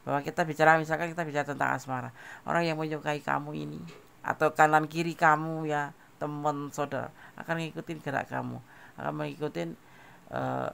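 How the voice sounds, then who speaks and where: A man's voice: fairly high pitch, vocal fry, a bit bright, a little hiss or hum. A man giving a casual tarot general reading, talking straight to the listener and repeating phrases. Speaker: tarot reader.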